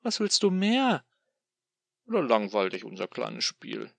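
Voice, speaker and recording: A man voicing a sadistic, mocking male machine demon in an audio drama, taunting in a drawn-out, sing-song way. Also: medium pitch, wildly swooping pitch, vocal fry, a bit bright, no room sound, exaggerated voice.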